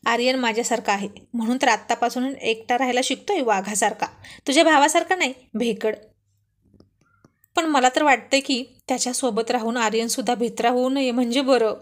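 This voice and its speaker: A woman's voice: a little high, brisk, close to an everyday voice. A woman voicing a stern, angry young male office boss who scolds in a raised voice. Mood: teasing.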